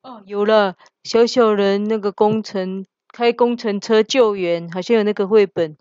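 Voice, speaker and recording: A woman's voice: mid-range voice, measured pace, clear, resonant tone, no echo, lo-fi sound. A woman hosting a family podcast, telling a playful made-up children's story and acting out the characters. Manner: playful, animated, acts out characters. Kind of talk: improvised bedtime-style story with a child.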